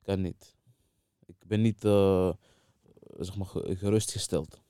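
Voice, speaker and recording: Low, mellow man talking Moroccan-Dutch street slang. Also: steady tone, slow, clean tone, no room sound, studio quality. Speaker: interviewed music artist. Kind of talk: casual chat.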